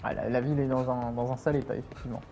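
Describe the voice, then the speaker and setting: A man's voice: medium pitch, little pitch movement, very fast, mellow, a little hiss or hum. A man casually commenting on a game he is playing, rambling with many fillers and chatting to his viewers. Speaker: streamer.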